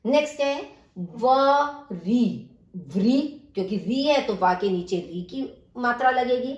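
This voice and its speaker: A woman's voice: a little high, animated, slow pace, a little mellow. A woman teacher working through a textbook exercise, spelling words out sound by sound and explaining each step. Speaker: Sanskrit teacher. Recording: echoey room.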